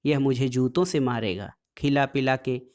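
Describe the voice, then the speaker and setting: A man voicing a defiant, sharp-tongued village woman in the middle of a heated quarrel, reading her lines from a storybook. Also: medium pitch, moderate pace, close to an everyday voice. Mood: angry defiance.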